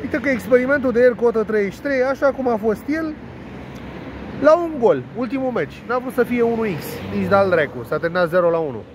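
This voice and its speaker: Stuffed-up nasal guy doing betting tips outside, kinda high voice, faint traffic behind. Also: expressive, hardly any pauses. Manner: rambling, crude, playful, with word games and swearing. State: congested with a cold. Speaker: sports betting tipster. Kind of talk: casual monologue presenting betting tips.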